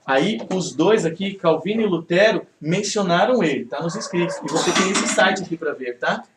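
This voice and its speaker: A male pastor with a fairly high-pitched voice teaches a Bible study in a lively, conversational way, often checking in with his listeners. The sound is roomy, with a faint hiss behind him. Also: normal speed. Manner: conversational, animated, rhetorical check-ins. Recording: echoey room, faint background noise.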